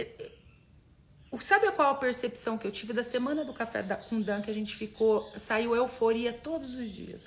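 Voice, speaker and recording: A Brazilian woman in her thirties, a wellness coach talking casually and affectionately on a livestream, laughing often and breaking into loud cheers. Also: fairly high pitch. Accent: Brazilian Portuguese. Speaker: wellness coach live-streaming to followers. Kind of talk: casual motivational livestream talk.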